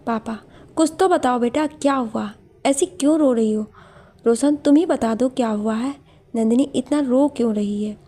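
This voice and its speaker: A woman's voice: a little high, moderate pace, warm tone, natural voice. A woman voicing a caring middle-aged father, speaking in an anxious, questioning tone. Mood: concerned.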